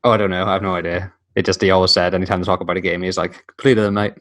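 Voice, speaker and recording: A man's voice: low voice, level tone, rapid-fire, fairly bright tone. A man, co-hosting a podcast in casual chat, swearing freely and acting out the voices of people in his stories. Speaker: podcast co-host.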